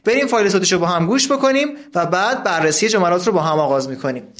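High-voiced man teaching English patiently. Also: expressive, fairly bright tone, slight background noise. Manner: patient, explains step by step, spells out English words slowly. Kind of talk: recorded lesson explaining a textbook.

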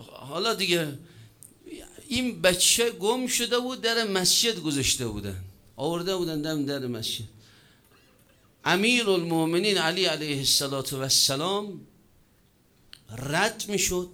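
Storytelling male preacher, higher voice. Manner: storytelling with wide swings in pace and loudness, joking asides. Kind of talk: sermon.

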